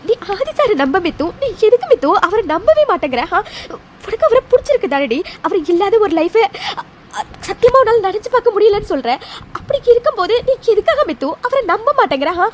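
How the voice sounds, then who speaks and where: A woman's voice: high-pitched, animated, a little fast, slight background noise. A woman voicing a caring young female friend in a cartoon, who coaxes and reassures in a soothing way. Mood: pleading. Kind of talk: animated cartoon dialogue.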